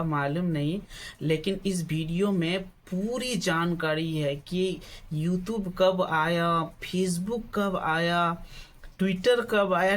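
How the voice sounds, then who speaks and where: A man hosting a reaction channel, greeting viewers in a friendly, chatty way before starting a clip. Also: fairly high pitch. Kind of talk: casual video intro.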